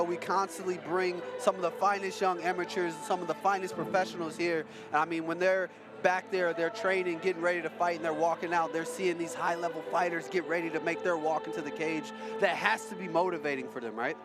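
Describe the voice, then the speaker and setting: A man with a slightly high voice gives color commentary on a fight. He explains things in a casual, conversational way over clearly audible music. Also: flat delivery, quick pace.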